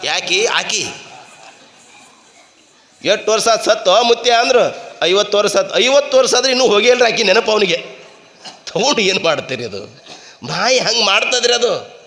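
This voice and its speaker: A man's voice: high-pitched, animated, measured pace, long pauses, a bit bright, in a large hall. A man with a North Karnataka Kannada accent giving a devotional sermon, reciting verses rhythmically and telling stories with animation. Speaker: preacher. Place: large hall at a monastery.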